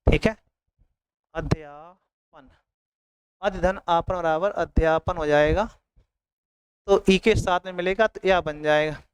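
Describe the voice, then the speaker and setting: A man's voice: high-pitched, steady tone, moderate pace, clean tone, dry recording, low-quality recording. A man teaching an exam coaching lesson, repeating each word and often checking in with his students.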